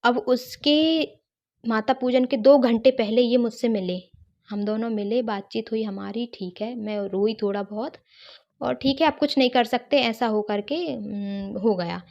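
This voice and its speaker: A woman's voice: on the high side, a little slow, gravelly, darkish tone, muffled recording. A woman earnestly telling a personal story, retelling what others said to her. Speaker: guest sharing a personal testimony.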